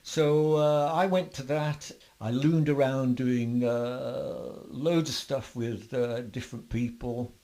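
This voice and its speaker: An older man, a bass player being interviewed, telling long rambling stories with lots of fillers and restarts. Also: fairly even intonation, takes it slowly, few pauses, warm tone. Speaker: guest musician, bassist. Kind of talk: interview storytelling.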